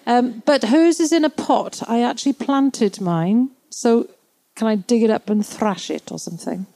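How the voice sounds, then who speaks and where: Mellow, higher-voiced woman. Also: moderate pace, no echo. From Cardiff area, Wales. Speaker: audience questioner. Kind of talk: chatty question to a panel.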